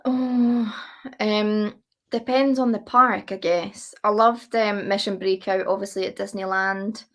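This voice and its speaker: A woman's voice: medium pitch, steady tone, a little slow, a bit bright. A woman chatting casually as a guest, gushing and repeating herself for emphasis. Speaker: interview guest. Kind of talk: casual chat.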